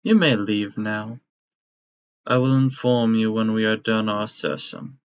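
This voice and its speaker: A man voicing a sinister, lanky male doctor with a bird's skull for a face in a tabletop game, speaking quietly, slowly and menacingly. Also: lowish voice, steady tone, clear, resonant tone, close to an everyday voice. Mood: cold, menacing. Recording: dry, slightly muffled audio.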